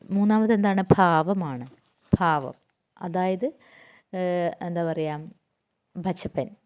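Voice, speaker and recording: A woman's voice: fairly low pitch, slow, dull audio. A woman teaching a grammar lesson, asking herself questions and answering them, going through lists term by term.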